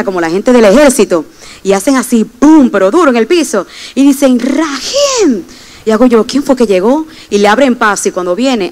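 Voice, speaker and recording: A woman's voice: on the high side, darkish tone, low-quality recording. A young adult woman preaching a sermon and giving personal testimony, speaking emphatically and addressing the congregation directly.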